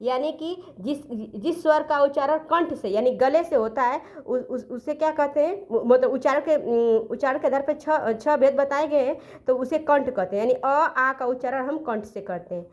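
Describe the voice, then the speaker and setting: High-pitched female teacher, exam coaching, methodical, answers her own questions. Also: a little mellow. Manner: explains step by step, asks and answers own questions; self-corrects, counts letters aloud slowly. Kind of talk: exam-prep grammar lesson.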